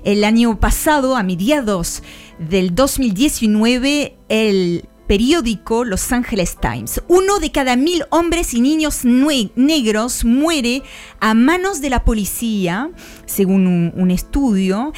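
A woman columnist narrating a radio segment on history in a slow, dramatic storytelling manner. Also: fairly high pitch, lively intonation, darkish tone, faint music behind. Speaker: international affairs columnist.

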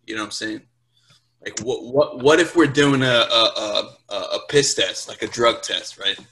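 In a casual interview, a Marine sergeant in his twenties talks with a mid-range voice that sounds pushed and bright, at normal speed. A Portuguese speaker born in Brazil, he later lived in Portugal, England and Louisiana, and as a podcast guest he swears freely and keeps asking "right?"

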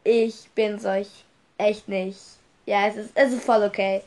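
Her voice sits at a medium pitch, level and unhurried, with a darkish tone, and her nose is stuffy from a cold. The young podcast host chats casually on her solo show, rambling through notes and spelling out words one letter at a time.

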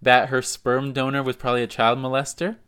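A man co-hosting a podcast, recapping reality TV fights in a laid-back, drawn-out way. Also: medium pitch, little pitch movement, fairly bright tone, clean tone. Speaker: podcast co-host. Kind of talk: casual chat.

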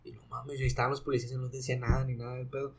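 Man with a mexican accent, quick, slangy, laughing through his story, casual chat. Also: medium pitch, breathy edge. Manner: slangy, animated, acts out voices in anecdotes.

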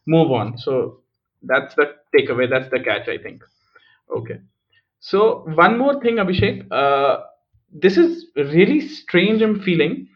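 A man hosting a podcast, thinking aloud in a reflective, casual way with frequent restarts. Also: on the high side. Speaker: podcast host. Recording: muffled lo-fi recording.

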